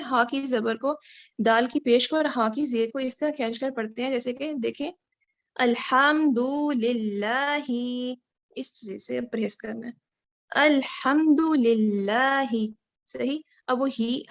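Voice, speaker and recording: A woman teaching Quran recitation in an online lesson over slides. She talks slowly and patiently, stretching out Arabic words to show how they are pronounced. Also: sits high, creaky, highs cut off. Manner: slow, patient, drawing out Arabic words to demonstrate pronunciation.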